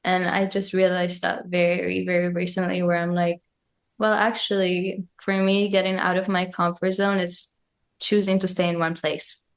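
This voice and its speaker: A woman's voice: lowish voice, level tone, moderate pace. A young woman from Argentina, a guest musician on a podcast, talking casually and reflectively and thinking aloud with lots of fillers.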